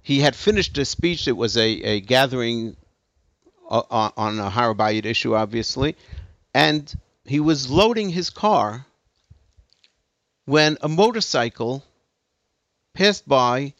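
A man's voice: mid-range voice, animated, a little slow, long pauses, fairly bright tone, no room sound, dull audio. A man giving a lecture to an audience, telling a story emphatically with hesitant restarts. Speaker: speaker giving a talk.

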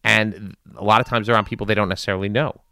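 Low smooth new guy talking thru the news, measured and halting, pretty dry close sound. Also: steady tone, sharp tone, no echo. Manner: measured, deliberate, halting with long pauses. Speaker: commentator addressing his community. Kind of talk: informal spoken news and community commentary.

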